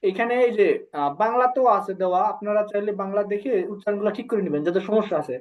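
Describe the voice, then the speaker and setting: A man with a Bangladeshi Bengali accent teaching an online language class, slowly saying syllables for students to repeat. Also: high-pitched, dull audio. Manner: slow drilling, repeating syllables for students to echo.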